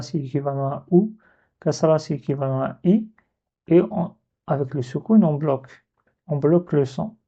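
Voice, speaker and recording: Slow, patient man teaching letters. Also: a little high, creaky, dark tone, husky. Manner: patient, repeats and breaks sounds into syllables. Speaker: Arabic teacher. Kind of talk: video lesson. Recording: dull lo-fi recording.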